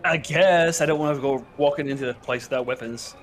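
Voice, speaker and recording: Mid-pitched man playing a tabletop game. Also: fairly quick. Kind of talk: casual in-game chat.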